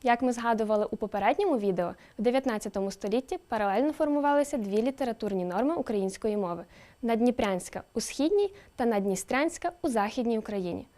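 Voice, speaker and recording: A woman presenter giving a scripted educational narration, lively and with emphatic rising questions. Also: a little high, quick pace. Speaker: presenter explaining a dialect.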